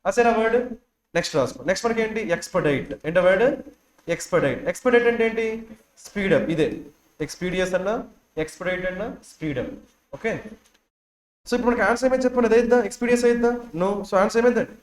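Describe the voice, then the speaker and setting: A man's voice: high-pitched, expressive, very fast, roomy sound. A male teacher giving a classroom vocabulary lesson, drilling words and asking students again and again to repeat and write them down.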